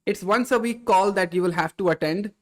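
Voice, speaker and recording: A man hosting a casual live stream, reading viewer chat aloud and answering in a relaxed way, often calling people "bro". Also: sits high, fairly quick.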